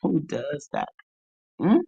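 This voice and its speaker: A woman's voice: deep voice, expressive, takes it slowly, vocal fry, mellow, husky, no room sound, low-quality recording. A woman hosting a live stream in casual chat, teasing her viewers and laughing often. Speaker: livestream host.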